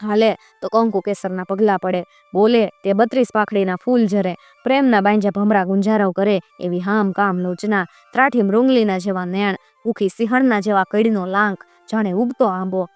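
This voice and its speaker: Woman storyteller, smooth clear voice, dry close sound, faint music behind. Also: mid-range voice, steady tone, normal speed, few pauses, darkish tone, no room sound. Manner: dramatic, voices the characters' cries and dialogue. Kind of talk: folk tale storytelling.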